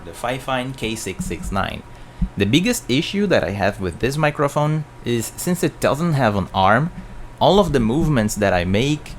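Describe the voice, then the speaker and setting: A man giving a plain, explanatory product review at his home work desk, speaking into a desk mic on an arm. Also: medium pitch. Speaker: tech reviewer.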